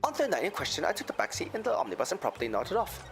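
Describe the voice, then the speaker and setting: A man's voice: high-pitched, wildly swooping pitch, rapid-fire, gravelly, faint music behind, pitched above the performer's own voice, heavily acted. A man voicing a folksy, genial Irish moneylender in a courtroom game, with an Irish accent and a theatrical lilt. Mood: dramatic storytelling. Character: folksy, smooth-talking Irish moneylender, genial male witness. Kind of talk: voiced reading of game dialogue.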